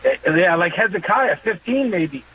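A man's voice: sits high, very animated, normal speed, husky. A man in his fifties calling in to a radio show, speaking earnestly and reflectively about faith. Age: 50s. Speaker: caller. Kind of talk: call-in radio talk. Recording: muffled phone-in line with faint noise.

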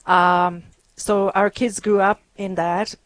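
A woman from Hungary, a guest on a radio show, telling her story earnestly with many pauses and ums. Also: mid-range voice, level tone. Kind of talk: interview conversation.

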